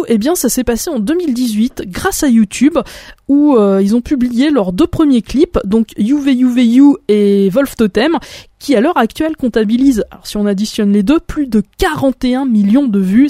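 Woman, radio host, chatty, hesitant, mellow voice, dry studio sound. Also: fairly high pitch, no room sound. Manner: chatty, hesitant with many fillers. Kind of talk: casual radio music presentation.

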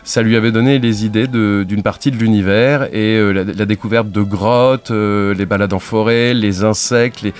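A man hosting a relaxed French talk show about video games, chatting with many fillers and restarts. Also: lowish voice, moderate pace, few pauses. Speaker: radio show host.

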